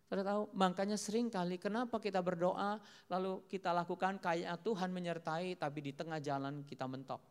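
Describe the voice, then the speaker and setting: A man preaching a sermon to a congregation, rising to loud emphatic peaks and dropping to soft low endings, often addressing listeners as brothers and sisters and acting out quoted speech. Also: fairly even intonation, a little fast, clean tone. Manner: often addresses the audience as "saudara"; acts out God and Bible figures in quoted speech.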